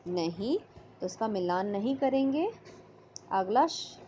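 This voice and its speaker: Slow, patient woman teacher. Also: mid-range voice, lively intonation, dark tone, a little hiss or hum. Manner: slow, patient, sounding out letters. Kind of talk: online class lesson. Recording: slightly dull lo-fi audio.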